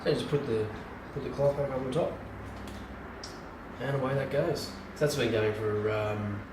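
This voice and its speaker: Distant rambling home brewer, roomy sound. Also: male voice, medium pitch, fairly even intonation, moderate pace, background noise. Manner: rambling, lots of ums and restarts. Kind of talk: casual how-to video. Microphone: camera from a distance. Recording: roomy and distant camera mic.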